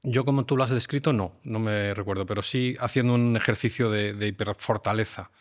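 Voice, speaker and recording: A man's voice: lowish voice, steady tone, brisk. A man, a scientist and university lecturer, reflectively telling personal stories as a podcast guest. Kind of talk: casual podcast conversation.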